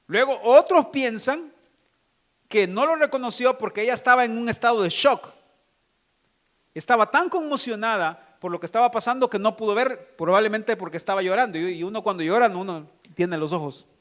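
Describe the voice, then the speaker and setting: A man preaching to his congregation in a high, lifted voice. He reads scripture aloud and stops often to put questions to the listeners. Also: animated, moderate pace, pauses often, a bit bright. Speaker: pastor. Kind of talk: sermon.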